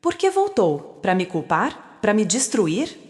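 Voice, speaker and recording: A woman's voice: medium pitch, sing-song, slow, darkish tone. A woman voicing a fearful, guilt-ridden elderly aunt, asking shaky, pleading questions. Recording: long reverb.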